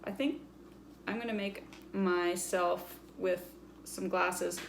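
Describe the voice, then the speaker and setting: Her voice sits on the low side and stays steady as she slowly leads a children's story time. She chats in a relaxed, playful way, showing objects and explaining them plainly, while a little hiss or hum runs in the background.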